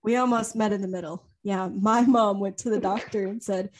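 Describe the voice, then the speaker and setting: A young Louisiana woman co-hosts a podcast, rambling through a story from memory in a chatty, unscripted way full of ums and laughter. Her voice sits in the mid-range, with a steady tone and a moderate pace.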